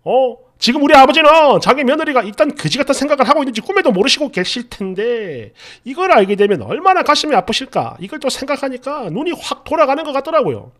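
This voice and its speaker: A man with a strikingly high, lively voice reads an online confession aloud in first person. He keeps stopping to react with incredulous commentary, his pitch leaping around as he goes. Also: fast, hardly any pauses. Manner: animated, incredulous asides. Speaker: narrator reading viewer stories.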